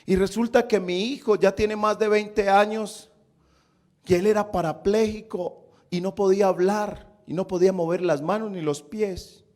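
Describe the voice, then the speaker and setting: A man's voice: high-pitched, steady tone, moderate pace, a little mellow, voice pushed up, lightly acted. A man voicing an astonished woman, a mother, telling what happened in her home. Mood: explaining. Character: amazed mother of a grown son, excited woman.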